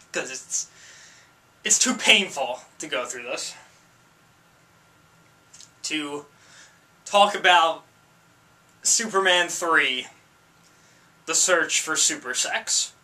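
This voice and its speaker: Male reviewer host, crisp bright tone, sarcastic comedic rant delivery. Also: lively intonation, slow, long pauses. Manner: exasperated, sarcastic, swings from low mutter to loud outbursts.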